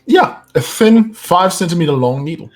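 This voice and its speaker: A man narrating a tabletop game as game master, halting and full of fillers. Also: high voice, expressive. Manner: halting, with many fillers and restarts.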